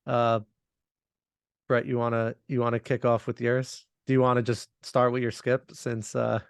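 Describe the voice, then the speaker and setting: A man co-hosting a podcast, chatting in a relaxed, rambling way and laughing often. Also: medium pitch, moderate pace, gravelly, smooth, no room sound, studio quality. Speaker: podcast co-host. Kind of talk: casual chat.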